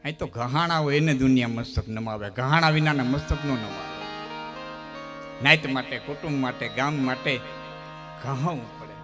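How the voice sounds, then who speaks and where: A man telling folk stories at a live dayro program, using rhythmic repetition that builds into loud declamations. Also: medium pitch, moderate pace, music in the background. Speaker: folk storyteller.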